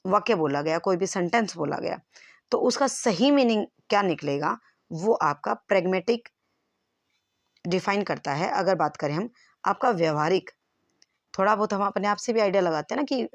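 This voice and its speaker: A woman's voice: mid-range voice, no room sound. A woman teacher giving an exam-prep lesson, explaining terms step by step and checking if the class follows.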